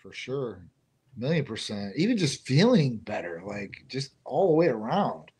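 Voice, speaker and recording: Speaking into a desk mic, a man who owns a clinic co-hosts a live question-and-answer chat in a blunt, casual style. His medium-pitched voice is very animated, a little mellow and slightly rough, and he keeps a measured pace.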